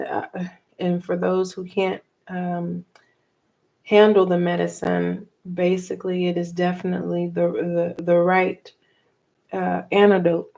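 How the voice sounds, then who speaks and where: A middle-aged woman giving a tarot reading for viewers, talking softly and slowly and pausing as she reads the cards aloud. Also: lowish voice, gravelly. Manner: slow, soft and meditative, reading cards aloud with pauses. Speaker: tarot reader.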